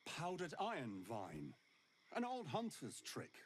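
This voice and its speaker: A wry wandering monster hunter. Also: male voice, a little high, huge pitch swings, slow, slight background noise, exaggerated voice. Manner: dry, sardonic storyteller. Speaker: game character. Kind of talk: video game voice acting.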